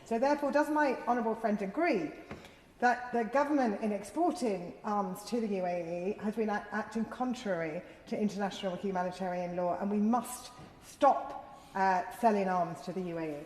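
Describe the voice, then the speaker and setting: A woman's voice: mid-range voice, moderate pace, darkish tone. A woman making a formal, argumentative intervention as a member of parliament. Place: large indoor debating chamber. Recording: echoey hall, faint background noise.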